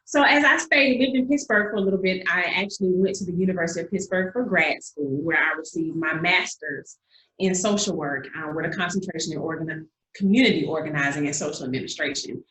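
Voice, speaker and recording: Southern lady guest, lowish voice, echoey room, telling her story. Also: brisk, a bit bright, a little hiss or hum. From Georgia, US. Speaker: guest singer. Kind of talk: casual interview.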